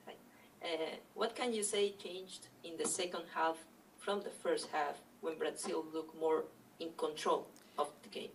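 A woman reporter puts a question to a player, speaking politely and stopping to restart it. Her fairly low voice comes from off the microphone. A soft hum runs behind. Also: fairly even intonation, unhurried, distant mic, rough recording. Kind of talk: press conference question. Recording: off-mic in a press room.

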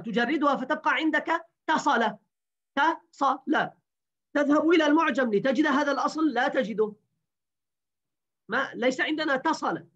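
Higher-voiced woman teaching a grammar lesson. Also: a bit bright. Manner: repeats words slowly, quizzes students. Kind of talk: grammar lesson to an online class. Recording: dull lo-fi recording.

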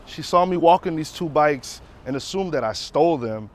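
An actor playing a reasonable, put-upon young cyclist in a drama, explaining things in a matter-of-fact way. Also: male voice, fairly high pitch, expressive, moderate pace, lightly acted. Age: young adult. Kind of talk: acted drama dialogue. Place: outdoor parking lot.

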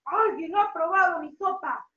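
A woman voicing an annoyed father bear from a children's story, loud and singsong. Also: extremely high pitch, measured pace, distant mic, heavily acted. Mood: indignant. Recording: echoey room, dull lo-fi.

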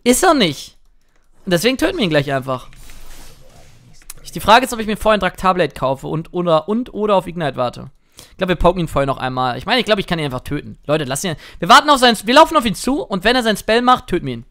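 A young man chatting excitedly through live gameplay commentary as a streamer, now and then singing or shouting at a play. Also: a little high. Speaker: gaming streamer.

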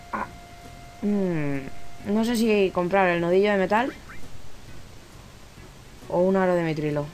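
A man's voice: high-pitched, gravelly, a little hiss or hum, rough recording. A man with a Spanish accent from Spain giving casual gameplay commentary, rambling, talking to himself and swearing now and then. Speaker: let's play gamer.

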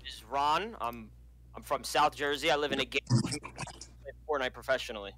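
Fast-talking man over crowd noise. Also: mid-range voice. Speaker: dating contestant. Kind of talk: casual video-call chat.

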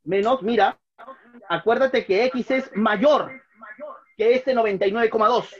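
Here a man in his thirties works through math at a whiteboard for an online class, going over every step patiently and asking his students questions. He speaks in a high voice, unhurried, from a small room, and the sound is dull.

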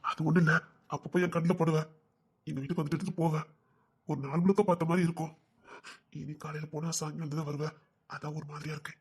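A man playing a caring, protective young man who speaks gently and reassuringly. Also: fairly high pitch, flat delivery, fast talker, pauses often, breathy edge.

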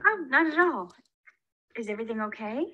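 A woman's voice: a little high, animated, a little fast, sharp tone, lo-fi sound. An actress playing a mild, agreeable mother in a comedy skit who gives in easily. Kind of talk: scripted comedy skit acting.

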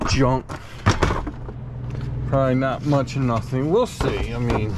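A man with a mid-range voice narrates a casual vlog while sorting through a metal storage unit and gravel lot outdoors, thinking aloud in a folksy, unhurried way. He records on a chest-mounted action camera, so the outdoor audio is noisy.

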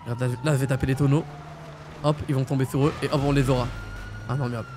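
A man roleplaying a small-time crook in a video game, excitable and teasing, barking orders. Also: medium pitch, quick pace, background noise. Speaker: streamer playing a small-time criminal.

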